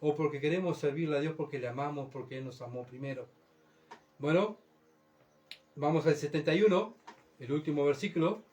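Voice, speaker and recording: Man, middle-aged, pastor's sermon, fairly high voice, keeps checking the room is with him. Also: fairly quick, pauses often, darkish tone. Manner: keeps asking the congregation for agreement.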